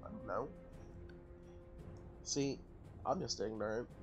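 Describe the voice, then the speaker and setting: Speaking slowly in a fairly low voice, this gaming channel host talks through his strategy game in a casual let's-play, reasoning aloud and revising himself along the way. Music plays in the background.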